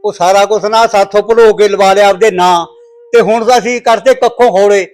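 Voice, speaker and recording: A stern, wronged father in a village family drama, played by a man, scolding and moralizing with old sayings. His voice sits fairly high for a man. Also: steady tone, fairly quick, darkish tone, natural voice. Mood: reproachful. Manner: scolding, preaching proverbs. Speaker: actor in a short film.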